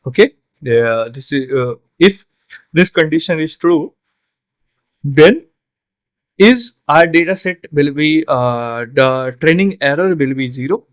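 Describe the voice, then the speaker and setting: A man's voice: on the high side, lively intonation, slow pace, no echo. A man tutoring an exam solution, explaining step by step with frequent fillers and tag questions, a little tired. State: yawning, tired. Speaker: online tutor.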